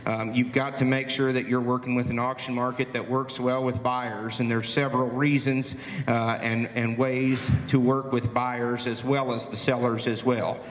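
A man who speaks for a livestock auction market gives a plainspoken, folksy presentation to cattle producers at a meeting, using lots of "uh" fillers. His mid-range voice is level and moderately paced, echoing at length in a roomy meeting hall.

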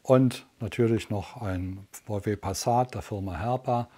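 A man's voice: on the low side, measured pace, warm tone. A man in his sixties presenting products as a teleshopping host in a chatty, unscripted infomercial style, sometimes feeling his way through the items. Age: 60s. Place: indoor studio, standing at a product table.

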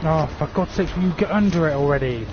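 A man's voice: on the high side, quick pace. A man streaming a horror game live, swearing and grumbling at the game to his viewers. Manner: frustrated, swearing, talking to viewers. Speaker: gaming streamer. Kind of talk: live gameplay commentary. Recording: dull lo-fi stream audio with game noise.

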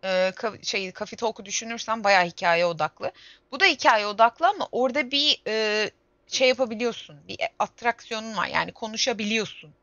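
Bright-voiced young woman chatting on stream. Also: on the high side, expressive, fairly quick, dry recording. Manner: chatty, exclaims and grumbles to herself while playing. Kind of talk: casual gameplay livestream chat. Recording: dull lo-fi stream audio with faint game music.

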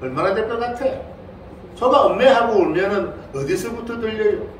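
Older monk lecturing in an echoey hall. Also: male voice, high-pitched, lively intonation, normal speed, slight background noise. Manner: keeps prompting listeners with a questioning "eh?", playful, imitates a cow's moo. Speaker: Buddhist monk lecturing on a sutra. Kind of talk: Dharma lecture to a congregation. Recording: very echoey hall, voice far from the mic.

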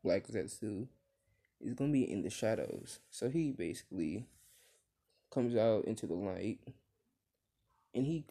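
Slow, dark-voiced young man rambling a story. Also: fairly low pitch, lively intonation. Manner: rambling, many fillers and restarts. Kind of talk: improvised fan-fiction storytelling.

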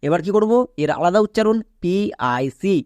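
Guy with a high voice teaching english reading, dry close sound, keeps asking and answering his own questions. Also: lively intonation, normal speed, a little mellow, no echo. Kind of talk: video lesson.

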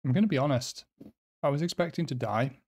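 With a mid-range, slightly mellow voice, this Nordic man talks to viewers in a relaxed way as a quiz host, stumbling a bit and making light of himself as he thinks aloud. He is a native speaker of Swedish or Finnish, from Finland or a nearby Nordic country.

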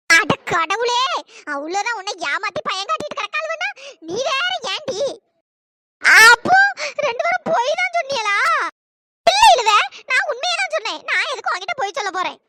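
A woman voicing squeaky cartoon village women, very high, lively swoops, noisy processed audio. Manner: bickering rural banter, whiny and scolding. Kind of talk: cartoon voice acting.

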